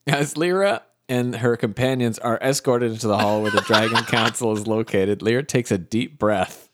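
A man's voice: medium pitch, normal speed, very noisy. A young man narrating an AI-run tabletop game, reading the text aloud and joking in between. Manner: reads narration aloud, breaks off laughing and joking.

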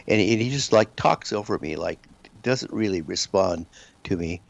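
Man, from the United States, fairly low, gravelly, rambling with restarts, muffled lo-fi sound. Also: expressive, moderate pace, no echo. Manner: rambling, with frequent restarts and repeated words. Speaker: guest author. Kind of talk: telling a personal story in a radio interview. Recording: dull lo-fi sound.

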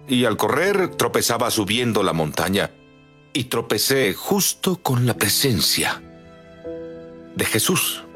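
A man's voice: medium pitch, fairly bright tone. A middle-aged man telling his story in earnest as a guest on an interview show. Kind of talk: dubbed testimony interview.

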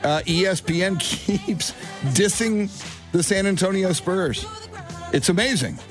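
A man co-hosting a sports talk show, casual and halting, repeating words as he reasons. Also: high voice, soft background music. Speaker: sports radio co-host.

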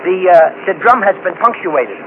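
An actor playing a dim-witted, good-natured cab driver with rough, slangy New talk who mangles big words, in 1940s radio comedy style. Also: male voice, high-pitched, very animated, moderate pace. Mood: dopey. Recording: muffled old radio broadcast with hiss.

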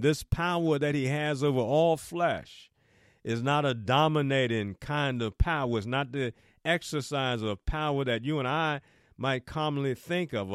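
A man's voice: on the high side, dry recording, clean studio sound. A man preaching a sermon with emphasis, repeating phrases, affirming himself with repeated yeses and stretching out key words.

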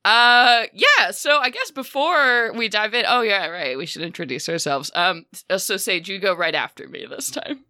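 A woman hosting as dungeon master in casual, rambling, excitable and giggly podcast chat. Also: mid-range voice, moderate pace, no echo.

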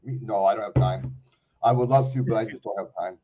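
A man's voice: lowish voice, a little fast, mellow, soft background music. A man calling in to a casual talk show from an unfinished concrete basement, his voice hollow and boxy, as if inside a barrel. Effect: hollow boxy sound, like talking inside a barrel. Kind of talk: casual chat. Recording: dull boxy lo-fi remote call.

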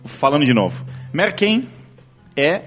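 A man's voice: fairly high pitch, sing-song, measured pace, fairly bright tone, faint music behind. A man with a Brazilian Portuguese accent co-hosting a casual podcast chat over drinks, joking and rambling into mock-philosophical questions. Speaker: podcast co-host.

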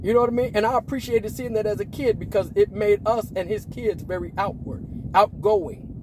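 A man in his forties from Las Vegas who talks like a preacher in a relaxed way. He uses slang, laughs often, and sometimes breaks into emphatic shouts. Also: high voice, a little fast, background noise. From Las Vegas, Nevada, US. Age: 40s. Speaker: preacher and podcast host. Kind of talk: casual preaching talk.

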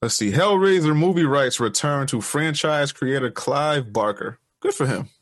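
A man's voice: mid-range voice, lively intonation, moderate pace, no echo, studio quality. A man hosting a casual podcast, laid-back and profane, laughing often as he reads out news items. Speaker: podcast host. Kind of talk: casual chat.

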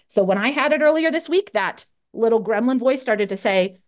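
A woman's voice: fairly high pitch, normal speed. A woman career coach, a guest on a podcast, talking casually and acting out her inner thoughts in little voices. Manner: lively, talks in acted-out inner dialogue.

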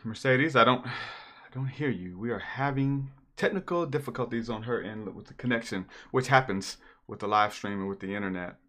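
A man hosting a casual live-stream interview, relaxed and folksy, with a religious slant to his talk. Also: medium pitch, fairly quick.

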